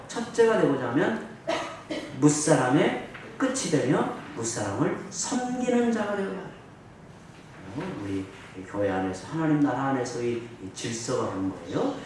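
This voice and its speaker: A male pastor giving a Bible study lecture. He reads scripture aloud, then explains it with many fillers. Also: medium pitch. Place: church hall. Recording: echoey hall, distant mic, faint noise.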